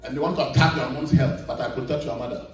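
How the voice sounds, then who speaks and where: A man's voice: mid-range voice, fairly even intonation, distant mic. A man ministering as a prophet before a congregation, commanding and questioning a woman about her family. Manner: commanding, quizzes a congregant in halting English. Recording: echoey hall, music and crowd.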